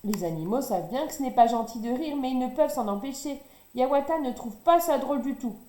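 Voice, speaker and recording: A woman reading a children's story aloud in a lively, expressive way. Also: sits high, brisk. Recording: roomy echo.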